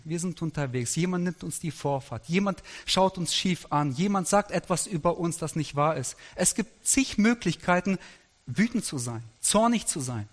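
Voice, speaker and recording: Middle-aged male pastor, slightly high voice, storytelling sermon, long hall reverb. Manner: lively anecdotal preaching with quoted dialogue.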